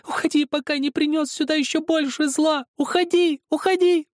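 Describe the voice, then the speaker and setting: A shrill, tearful village boy. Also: fast talker, dry recording, studio quality. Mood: furious, sobbing. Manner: shrill, sobbing shouts. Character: distraught young village boy, tearful and furious. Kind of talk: audiobook character voice.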